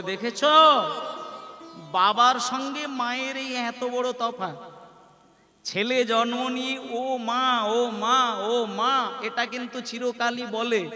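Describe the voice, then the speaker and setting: A man preaching a devotional kirtan sermon in slow, drawn-out storytelling. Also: extremely high pitch, long reverb tail, over music. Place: stage with live devotional music.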